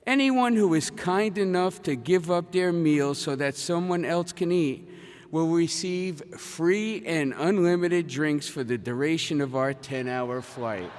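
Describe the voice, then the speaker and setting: A polite, apologetic female flight attendant making an in-flight announcement, as a man quotes her in a voice close to his own. The voice rings out into a large hall, and the pitch sits fairly high. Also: unhurried, clean tone, close to an everyday voice. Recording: echoey convention hall.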